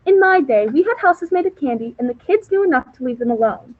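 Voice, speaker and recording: A crotchety old witch, played by a woman in a comic fairy-tale play, heard through thin, phone-like audio. The voice is high, scolding and sly. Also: animated, a little fast, dry recording. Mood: indignant scolding.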